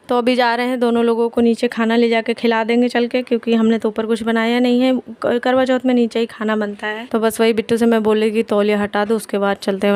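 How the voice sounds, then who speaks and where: A woman chatting through a family vlog at home, tired from fasting. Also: medium pitch, darkish tone. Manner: chatty, homely storytelling. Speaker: vlogger.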